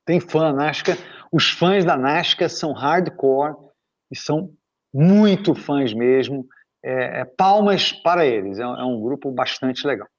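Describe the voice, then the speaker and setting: A man's voice: mid-range voice, animated, unhurried, recorded from a distance, dull audio. A man from Brazil, a motorsport commentator being interviewed, reminiscing in an easygoing, rambling way. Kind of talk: casual storytelling in an interview.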